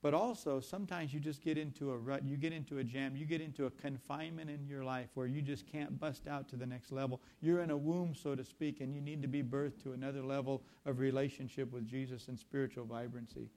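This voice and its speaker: A man preaching a sermon, shifting between scripture and lively storytelling. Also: mid-range voice, fairly quick, hardly any pauses. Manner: animated storytelling with conversational asides. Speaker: pastor.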